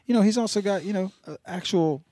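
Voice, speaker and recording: A man's voice: sits high, fast, warm tone, dry recording, studio quality. A man co-hosting a podcast in casual chat, laid-back and filling gaps with "you know" and "um". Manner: laid-back, filler-heavy. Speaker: podcast co-host.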